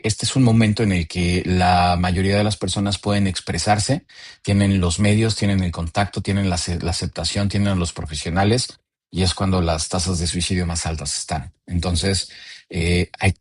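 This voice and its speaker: A man in his forties with a Mexican accent, speaking in a low voice that has a husky edge. He explains things calmly and patiently, with a dry, close sound and no room echo. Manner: calm, explanatory, personal anecdotes. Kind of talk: talk on emotions.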